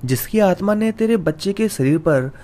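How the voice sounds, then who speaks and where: A man's voice: sits high, animated, moderate pace, dark tone, pitched above the performer's own voice. A man voicing a stern old male holy man who commands a spirit to leave, with a grave, commanding manner.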